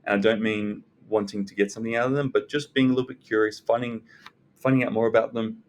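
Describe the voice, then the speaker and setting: Low-pitched, even-toned man giving advice. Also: quick pace. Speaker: self-development content creator. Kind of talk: unscripted advice talk to viewers. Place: indoors in a library.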